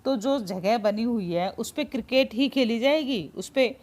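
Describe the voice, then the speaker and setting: A woman's voice: fairly high pitch, expressive, measured pace, darkish tone. A woman teaching a grammar lesson in a patient, informal way, explaining with many everyday examples and checking in often.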